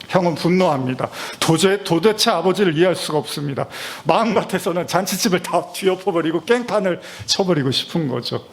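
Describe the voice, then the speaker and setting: A middle-aged male pastor delivering a Christmas sermon in a conversational, storytelling way with frequent fillers. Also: high voice.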